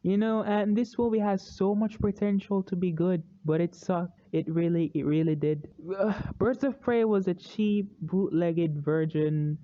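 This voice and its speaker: A movie review vlogger rants in a casual, opinionated, animated way, bursting into loud excitement and repeating words when worked up. Their voice is medium-pitched and unhurried with few pauses, and the sound is lo-fi.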